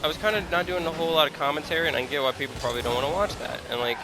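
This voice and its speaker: A man of twenty-one, a gaming content creator, talks very fast in a high, steady voice on a very noisy recording. Chatting casually and candidly over his gameplay, he comes across as hesitant and self-deprecating, searching for what to say.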